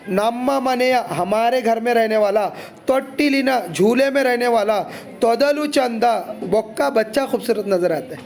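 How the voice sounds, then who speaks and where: A man's voice: very high-pitched, a little mellow. A male teacher, explaining a poem line by line in a chatty way, with asides for the students.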